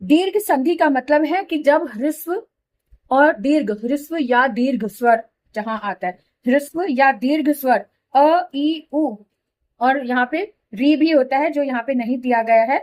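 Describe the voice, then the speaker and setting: A middle-aged woman with a high voice explains grammar to her students. She is patient, goes through each example slowly and repeats it. She keeps checking that they follow along. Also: darkish tone. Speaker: Hindi grammar teacher. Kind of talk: classroom explanation.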